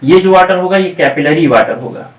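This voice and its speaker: A male exam-coaching teacher giving a classroom lecture, explaining step by step, checking in with frequent "okay"s and slowly dictating English definitions. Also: on the high side, far from the mic. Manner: explains step by step, checking in with repeated "theek hai". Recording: echoey room, voice off-mic.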